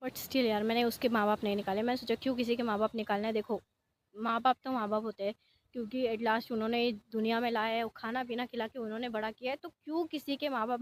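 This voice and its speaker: A young woman telling a storytime vlog in a casual, exasperated way, often quoting others sharply and mixing in English words. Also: fairly high pitch. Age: young adult. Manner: animated, exasperated, mixes English words into Hindi.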